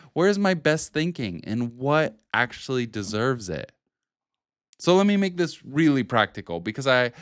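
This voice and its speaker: A man's voice: mid-range voice, clear, resonant tone, no room sound. Man presenting practical advice, dry close sound. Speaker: video host and productivity coach. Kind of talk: talking to camera, explanatory advice.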